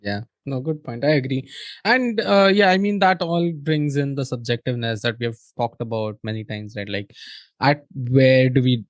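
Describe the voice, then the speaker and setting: A man's voice: medium pitch, moderate pace, no room sound. A man co-hosting a motor racing fan podcast, chatting casually with frequent laughs and hesitant fillers. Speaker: podcast co-host. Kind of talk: casual chat.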